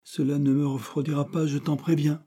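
A man's voice: on the low side, normal speed, mellow, breathy edge. A man voicing an earnest, determined young student in an audiobook. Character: eager young man, poor student set on university.

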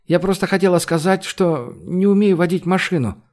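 A woman's voice: fairly low pitch, normal speed, a little mellow, pitched above the performer's own voice, natural voice. A male narrator voicing a bold, blunt young woman scout who talks in an offhand, breezy way.

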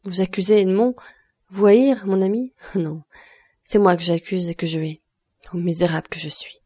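A woman's voice: on the low side, fairly even intonation, normal speed, mellow, close to an everyday voice. A woman reading the part of a grieving woman near forty who speaks in sorrowful, self-accusing pleas. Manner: sorrowful, pleading. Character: grieving woman of thirty-nine, broken by guilt.

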